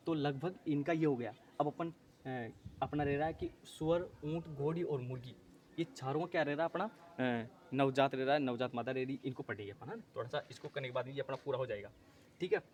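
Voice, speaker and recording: A man's voice: mid-range voice, fairly quick, a little hiss or hum. A male teacher running an exam-prep lesson, repeating terms, asking and answering his own questions, often correcting himself.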